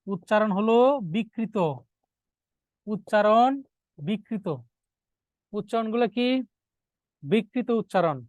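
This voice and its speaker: High-voiced man dictating exam notes. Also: a little mellow, no room sound. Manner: repeats key points as questions to students, then answers them; dictates notes, slowing on key words. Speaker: teacher. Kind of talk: exam-prep grammar lecture.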